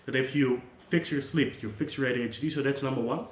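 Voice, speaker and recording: A psychologist and channel host, a Dutch-speaking man, talks unscripted to camera in an earnest, conversational way, often restarting his sentences. His voice is middle-pitched for a man and a little fast, and the room has a noticeable echo.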